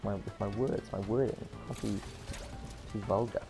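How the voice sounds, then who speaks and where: A man's voice: on the low side, fairly even intonation, normal speed, gravelly, music in the background. Rambling joking New man. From New Zealand. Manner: rambling, joking, self-correcting. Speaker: game streamer. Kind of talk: casual live gameplay stream.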